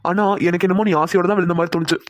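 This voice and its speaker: A woman's voice: fairly low pitch, fairly even intonation, racing, lightly acted. A woman doing a teasing young male boss. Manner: playful, teasing, bossy. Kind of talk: cartoon voice acting.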